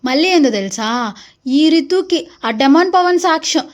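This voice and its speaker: A woman performing a one-woman comedy skit as a mother, gossiping chattily and scolding her daughter loudly. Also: high voice, animated, normal speed. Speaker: comic sketch creator.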